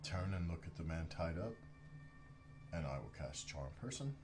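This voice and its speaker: A woman's voice: rumbling low, lively intonation, moderate pace. A woman playing a tabletop game, dry and matter-of-fact, over background music. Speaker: player.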